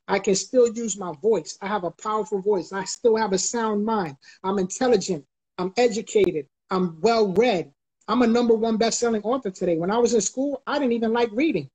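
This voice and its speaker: A middle-aged man from the Bronx, New York, delivers an emphatic motivational talk as a guest speaker on a live video call, repeating key phrases like a preacher. His voice sits high, slightly mellow with a breathy edge, and the audio from a close webcam or phone is poor.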